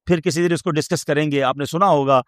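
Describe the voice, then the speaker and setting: A man delivering a sermon as a preacher, emotive and rhetorical. He asks the listeners questions and swings from loud, high questions to low, quiet asides. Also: fairly even intonation, dry recording, studio quality.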